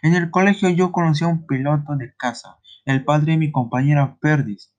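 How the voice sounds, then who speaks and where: A man with a slightly high voice tells a story in the first person. He stops and restarts often. He clears his throat again and again as he goes. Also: fairly even intonation, moderate pace, a little mellow, highs cut off.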